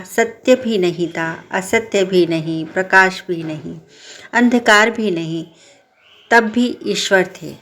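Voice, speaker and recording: Solemn old sage teacher, measured and slow, voiced by a woman storyteller. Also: mid-range voice. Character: revered old male sage answering his disciple.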